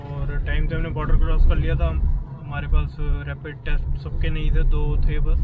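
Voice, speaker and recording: A man's voice: a little high, narrow, tinny audio. A man in his thirties, a travel vlogger, talking to a handheld camera in a chatty, upbeat, easygoing way. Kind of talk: casual travel vlog talk to camera. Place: roadside, car interior and lakeside outdoors. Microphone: handheld camera at arm's length. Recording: road and traffic noise behind.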